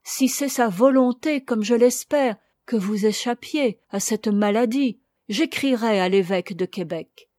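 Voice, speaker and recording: A woman reading the part of a gentle, fervent old missionary priest in an audiobook, in a solemn, consoling manner. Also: a little high, unhurried, hardly any pauses, dry recording, clean studio sound, lightly acted.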